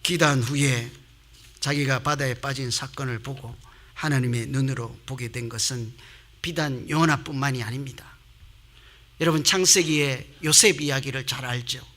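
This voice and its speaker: A man preaching a Sunday sermon as pastor, animated, acting out quotes and swinging between loud calls and soft asides. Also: medium pitch, normal speed. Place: church sanctuary.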